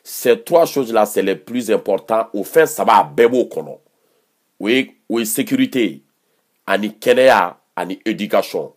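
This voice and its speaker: Malian guy ranting on his vlog, lowish voice, picks at a rival over and over. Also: animated, unhurried. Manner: combative, mocking, repeats phrases for emphasis. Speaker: political commentator vlogger. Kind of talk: heated commentary to camera.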